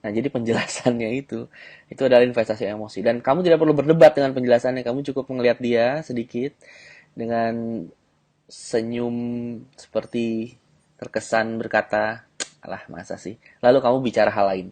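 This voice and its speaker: A man teaching as a dating coach in an instructional audio lesson, talking directly to the listener and often checking in with a quick "okay". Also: medium pitch, fairly even intonation, a little mellow.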